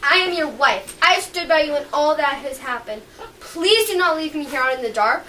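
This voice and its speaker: A woman's voice: sits high, expressive, moderate pace, bright, forceful tone. A woman playing a worried, devoted Roman wife, beseeching her husband in an amateur stage performance. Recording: distant mic, faint noise.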